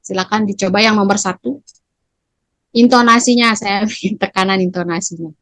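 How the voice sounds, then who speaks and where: A woman's voice: mid-range voice, normal speed, dry recording. A middle-aged woman teacher, explaining training material to colleagues and acting out teacher and student lines. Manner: acts out teacher and student lines with shifting intonation.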